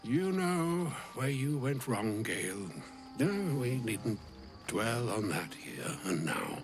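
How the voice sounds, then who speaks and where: An actor voices an ancient, gluttonous wizard in a video game, a grave old man whose speech is florid, pompous, wordy and theatrical, faltering when he grows uneasy. His mid-range voice has a sing-song lilt and plays over music. The mood is solemn, and the character is grandiloquent yet fussy.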